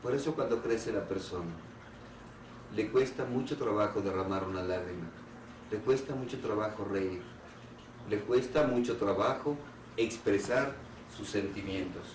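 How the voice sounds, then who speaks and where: A man, a therapist, giving an earnest public talk on anxiety and asking the audience one rhetorical question after another, with pauses between phrases. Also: lowish voice, slight background noise. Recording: roomy hall sound from a distant mic.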